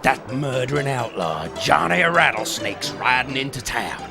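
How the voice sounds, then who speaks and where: An actor playing a gruff, swaggering Western sheriff who blusters melodramatically in a comedy radio sketch. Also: male voice, mid-range voice, lively intonation, measured pace, music in the background. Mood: blustering.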